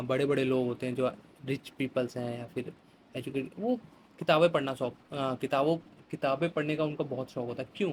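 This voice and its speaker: A man's voice: medium pitch, slight background noise, rough recording. A man teaching an exam vocabulary lesson in a chatty way, explaining with everyday examples and reading phrases. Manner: chatty, explains with everyday examples, mixes English words into Hindi.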